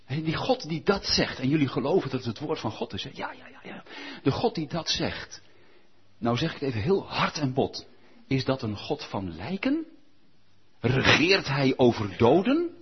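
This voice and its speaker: Lively, husky-voiced man preaching. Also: medium pitch, moderate pace, dull audio. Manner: lively, conversational, coaxing. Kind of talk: sermon.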